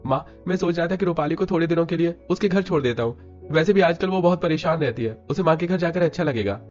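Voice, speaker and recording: A man's voice: on the high side, expressive, fast talker, darkish tone, voice pushed up, natural voice. Man doing a reassuring young cartoon husband. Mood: soothing. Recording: dull lo-fi with music.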